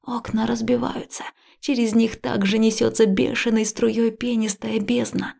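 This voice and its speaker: A woman reads a first-person story in a close, emotional voice that often drops to a breathy whisper. Her tone is husky, with a gravelly fry at the ends of her phrases, and it sits a little higher than average. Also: little pitch movement, moderate pace, mellow. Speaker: audiobook narrator. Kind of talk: first-person scripted narration.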